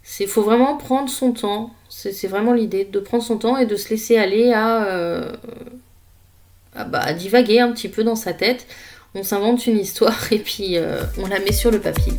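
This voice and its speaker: Relaxed, hesitant woman crafting voice-over. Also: mid-range voice. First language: French. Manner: relaxed and unhurried, with frequent hesitations. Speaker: craft vlogger. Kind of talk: casual voice-over narrating a scrapbooking session.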